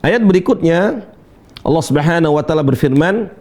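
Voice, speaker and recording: A male Quran teacher leading a call-and-repeat tajwid lesson, reciting verses slowly and demonstrating letter sounds, with gentle encouragement between counts. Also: on the high side, expressive.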